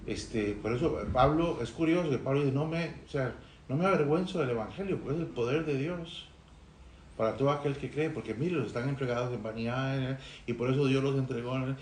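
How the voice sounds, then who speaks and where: A man from Rica, sharing thoughtfully in a Bible study discussion, pausing and restarting. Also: medium pitch, darkish tone, a little hiss or hum. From Costa Rica. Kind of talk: reflective group discussion. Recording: roomy recording.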